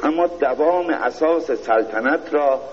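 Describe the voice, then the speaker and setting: A man's voice: fairly high pitch, lo-fi sound, slight background noise. Man reading a mock-pompous satire. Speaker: reader of a satirical piece. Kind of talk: satirical reading in mock-royal court Persian.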